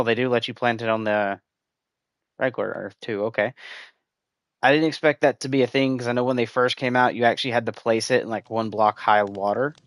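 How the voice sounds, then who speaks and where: A man streaming a video game, rambling casually and chatting with his viewers as he plays. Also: medium pitch. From United States. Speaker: gaming streamer. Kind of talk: casual gameplay commentary.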